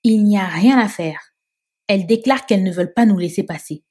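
Nervous scared interpreter man, woman reading, rushed and husky. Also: medium pitch, mellow, lightly acted. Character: frightened male interpreter, nervous.

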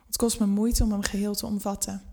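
A woman narrating a scripted first-person erotic story in an intimate, unhurried way that drops to a hush at times. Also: mid-range voice, flat delivery.

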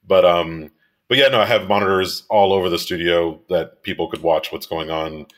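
A man in his thirties from Miami talks as a guest about his photography and directing work. His voice sits very low and deep, and he rambles loosely, with lots of fillers and restarts. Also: steady tone, normal speed. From Miami, United States. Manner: rambling, many fillers and restarts, laughs easily. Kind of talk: casual interview conversation.

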